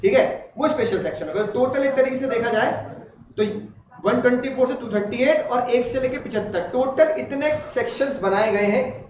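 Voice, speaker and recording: A man's voice: very high-pitched, normal speed, a little hiss or hum. A man teaching law to a class, chatty and joking, asking students questions as he goes. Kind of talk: classroom lecture. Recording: roomy, distant, dull classroom recording.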